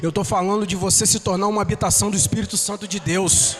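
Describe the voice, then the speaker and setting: Impassioned high-voiced Brazilian preacher. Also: male voice, steady tone, fast, faint music behind. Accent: Brazilian Portuguese. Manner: impassioned testimony, rising to shouts. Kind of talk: sermon. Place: church.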